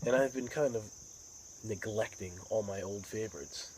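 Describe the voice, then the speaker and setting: American male hobby vlogger, lowish voice, unhurried rambling chat, crickets and outdoor noise behind. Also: a little mellow, low-quality recording. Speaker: pipe tobacco vlogger. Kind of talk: casual rambling monologue.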